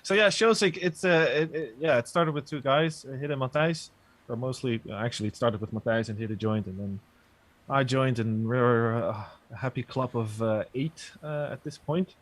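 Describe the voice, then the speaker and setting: A man guesting on a webcast over a video call, explaining and demoing software in a relaxed, hesitant way with many fillers. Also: mid-range voice, normal speed. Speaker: guest software developer and producer. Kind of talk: casual explanation and demo. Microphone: video call, sits back from mic.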